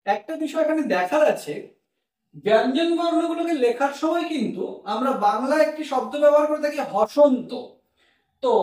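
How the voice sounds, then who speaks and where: A man teaching as a language teacher, patiently explaining and repeating each letter slowly. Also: very high-pitched, darkish tone. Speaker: Sanskrit teacher. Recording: very echoey room, mic far off.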